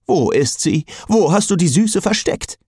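A man plays a brash talking sword, a male blade thousands of years old, raised in pitch and pushy in tone. He talks cocky and indignant, then snoops around nosily. Dry, close recording. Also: animated, measured pace, mellow, slightly rough, no room sound, full character voice. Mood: nosy.

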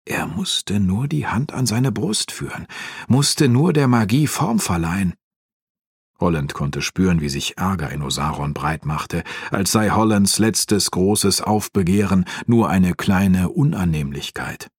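A man reading a fantasy audiobook in a calm, even storytelling voice, close to the mic. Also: low voice, unhurried, breathy edge, no room sound. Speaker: audiobook narrator. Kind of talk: scripted fantasy audiobook narration.

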